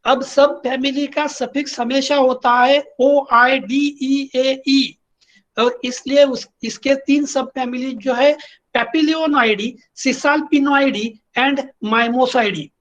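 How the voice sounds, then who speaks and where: Slow, high-voiced Indian male lecturer. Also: fairly bright tone, dull audio. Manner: repeats key points, checks that students follow. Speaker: botany lecturer. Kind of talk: online classroom lecture.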